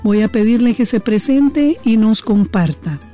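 A woman hosting a radio interview, asking calm, measured questions. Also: a little high, faint music behind. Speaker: radio host.

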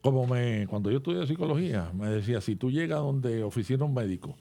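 A man's voice: medium pitch, animated, fast talker, vocal fry, dark tone. A man co-hosting a radio talk show, telling short anecdotes and chiming in with agreement.

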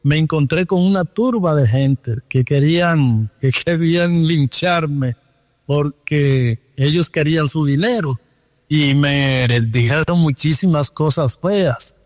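A man's voice: a little high, takes it slowly, darkish tone, no room sound, studio quality, long reverb tail. Dominican man telling his story. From Dominican Republic. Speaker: guest. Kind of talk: testimony over the phone. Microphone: phone line.

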